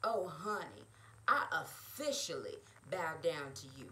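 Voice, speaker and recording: A woman reads a bold, flirty friend who gushes and exclaims. The voice is bright. It is read out slowly, as a storybook aside. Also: sits low, sing-song, pitched below the performer's own voice, full character voice. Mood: gushing. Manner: gushing, exclaiming.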